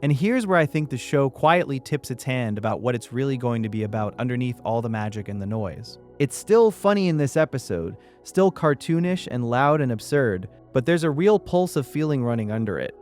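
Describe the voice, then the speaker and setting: A man giving a calm scripted sleep narration, slow, soft and reflective. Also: mid-range voice, faint music behind.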